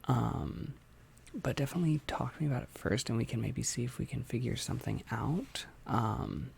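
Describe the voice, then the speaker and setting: A young adult ASMR streamer chatting casually in a soft, hesitant whisper, with faint mouth clicks from a tongue piercing. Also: mid-range voice, expressive, moderate pace, creaky, a little hiss or hum. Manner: soft-spoken, hesitant, informal. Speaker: ASMR content creator hosting a livestream.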